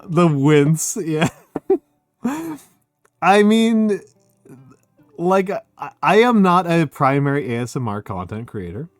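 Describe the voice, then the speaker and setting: A man chatting casually as a streamer, excitable and rambling, leaning on filler words like "like". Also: fairly high pitch, slow pace, pauses often, no echo, soft background music. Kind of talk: casual chat.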